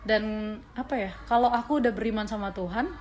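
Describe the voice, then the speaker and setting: Earnest young woman giving advice, raised pitch. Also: fast talker. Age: 20s. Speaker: livestream host answering viewer questions. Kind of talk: casual livestream chat.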